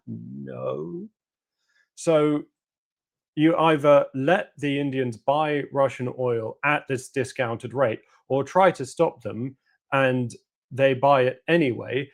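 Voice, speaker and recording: Gravelly-voiced man analyzing politics. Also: medium pitch. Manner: analytical and sardonic. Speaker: guest analyst. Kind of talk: political discussion interview.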